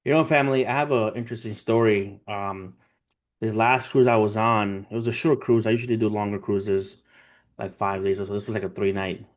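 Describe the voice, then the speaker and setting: With a fairly low pitch and a steady, brisk delivery, a man in his thirties chats casually with his livestream audience. The trader mixes storytelling with motivation, speaking profanely in street slang and addressing viewers as family.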